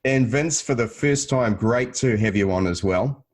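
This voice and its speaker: A man's voice: mid-range voice, unhurried. A man hosting a podcast, chatting in a friendly, upbeat way with his guests. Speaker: podcast host. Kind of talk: casual interview chat.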